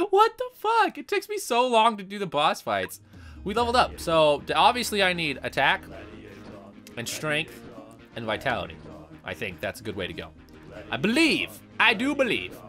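Young male let's-play host, loud, profane, excitable; bright, tense tone. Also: a little high, normal speed, faint music behind. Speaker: gaming channel host.

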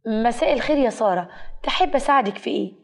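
A proud young bride with a sharp tongue, voiced by a woman narrator, speaking Egyptian Arabic in a raised voice. The storybook cartoon tale gives her a defiant edge. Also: fairly high pitch, lively intonation, rapid-fire. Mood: polite.

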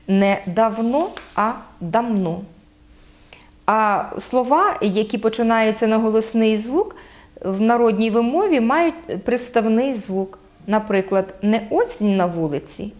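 A woman with a Podillia Ukrainian accent explaining local dialect forms, hesitating with frequent fillers and spelling out sounds slowly. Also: on the high side, darkish tone.

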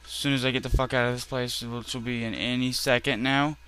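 A man commenting casually on his own game playthrough, swearing loudly at enemies and saying he is tired and irritated. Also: mid-range voice, level tone, fairly quick, clean tone. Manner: profane, loud outbursts at enemies. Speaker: gaming channel host. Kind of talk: casual let's play commentary.

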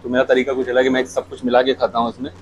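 A man's voice: medium pitch, racing, slight background noise, rough recording. A man in his thirties with a Lucknow accent, chatting casually to the camera as he tastes dishes at a restaurant table, on a lapel mic. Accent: Lucknow Hindustani. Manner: relaxed, chatty, describes each dish while eating. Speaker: food vlogger. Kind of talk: casual food review to camera.

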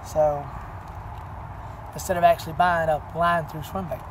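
Outdoors by a pine wood, a fishing channel host gives a casual how-to, showing fishing tricks to a camera held close at arm's length. He rambles, fills gaps with "you know," and speaks at a moderate pace in a level tone, his voice a little high. Clear outdoor noise runs beneath the camera audio.

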